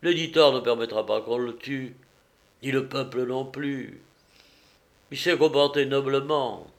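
A man reading aloud and voicing an excitable male spectator shouting at a fight. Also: medium pitch, measured pace, gravelly. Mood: excited.

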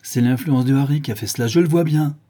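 A man's voice: mid-range voice, quick pace, warm tone, close to an everyday voice. A man voicing an earnest, sorrowful male painter in an audiobook, speaking in a grave, reproachful way. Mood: dismayed. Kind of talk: audiobook character reading.

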